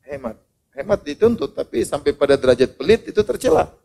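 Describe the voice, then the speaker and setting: A man's voice: fairly high pitch, a little fast, gravelly, a little hiss or hum. A man preaching an Islamic sermon with humorous storytelling, acting out the voices of the people in his stories. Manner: animated, humorous, acts out quoted voices.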